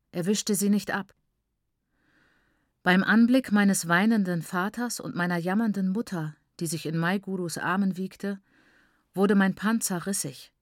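A woman narrating an audiobook in a calm, somber first-person reading. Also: lowish voice, no room sound. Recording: dry close studio.

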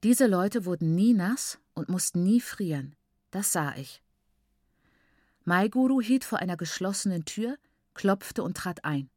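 A woman narrates a literary novel in the first person, her voice on the low side. Her reading is measured and reflective. The recording is close and completely dry. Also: lively intonation, darkish tone, no echo. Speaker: audiobook narrator.

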